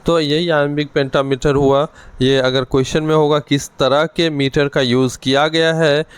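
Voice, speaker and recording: A man with an Indian English accent teaching an exam-prep lesson, slow and deliberate, switching between Hindi and English. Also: a little high, little pitch movement, clear, resonant tone, no room sound, low-quality recording.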